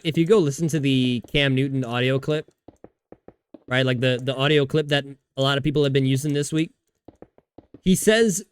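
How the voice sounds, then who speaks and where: Smooth and mid-range, this man's voice carries a rambling livestream chat as he plays a video game. He swears a lot and keeps starting his sentences over while talking with viewers.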